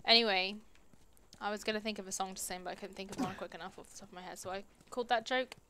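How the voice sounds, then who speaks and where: A woman's voice: medium pitch, fairly even intonation, fast, bright, forceful tone, slight background noise. A young British woman chatting playfully through a game livestream, muttering reactions and joking with viewers. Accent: British English. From England. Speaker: livestreaming gamer. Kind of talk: casual let's-play commentary.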